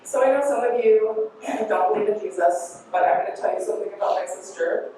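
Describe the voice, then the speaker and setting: A woman's voice: medium pitch, fairly quick, warm tone. A woman speaking at a memorial service for her sister, mixing laughter with tearful memories and playful impressions of family. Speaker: family member giving a eulogy. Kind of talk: memorial speech. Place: church. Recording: echoey room from far off with noise.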